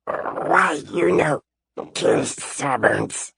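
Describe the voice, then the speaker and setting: Casting: a small, gravelly, scheming kobold, high and very slow, broken grammar. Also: male voice, lively intonation, a bit bright, no echo, exaggerated voice. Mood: suspicious. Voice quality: raspy, gravelly. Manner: broken speech, refers to himself by name. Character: small scheming male kobold creature, raspy. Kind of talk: audiobook character voice.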